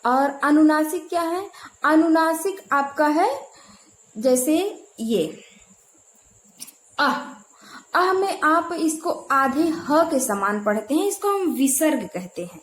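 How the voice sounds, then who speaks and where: A woman's voice: sits high, expressive, slow pace. A woman teaching a grammar lesson, asking her own questions and repeating key terms to drill them. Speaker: Hindi teacher. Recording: echoey room.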